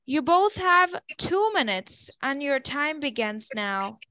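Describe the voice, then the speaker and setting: Stilted, high-pitched female examiner. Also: very animated, slow pace, bright, forceful tone, dry recording, rough recording. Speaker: speaking test examiner. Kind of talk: scripted exam questioning.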